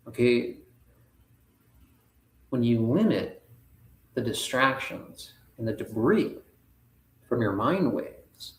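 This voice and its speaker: A man hosting a live spiritual talk, speaking in an earnest, halting, rambling way. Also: medium pitch, very animated, echoey room. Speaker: spiritual livestream host.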